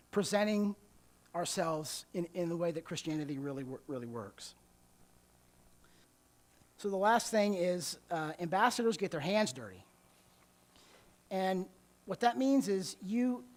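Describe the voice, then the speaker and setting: An American man with a high-pitched voice gives a sermon-style church talk in a conversational way. He repeats words as he restarts and keeps checking in with "okay?" and "right?"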